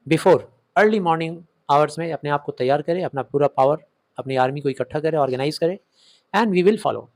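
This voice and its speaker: A man with an Indian English accent teaching a play, reading the old lines slowly and explaining them in quick conversational Hindi. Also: fairly high pitch, darkish tone.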